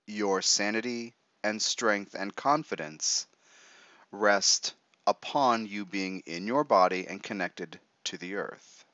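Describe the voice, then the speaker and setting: A man guiding a meditation in a measured, instructive way, pausing between short phrases. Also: lowish voice, sharp tone, dry recording, lo-fi sound. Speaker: meditation guide. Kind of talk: guided meditation.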